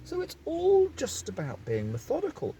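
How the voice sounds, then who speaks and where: A man's voice: very high-pitched, wildly swooping pitch, moderate pace, warm tone, a little hiss or hum. A man talking into his phone camera from a parked vehicle, rambling and going off on digressions in a casual vlog. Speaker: vlogger.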